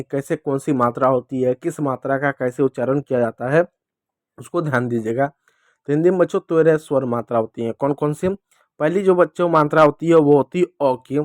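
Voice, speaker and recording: Man slowly sounding out letters for children. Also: fairly high pitch, a little mellow, dry recording, studio quality. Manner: slow, drawn-out sounding of letters; addresses children directly, repeating questions. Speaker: teacher. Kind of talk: children's reading lesson.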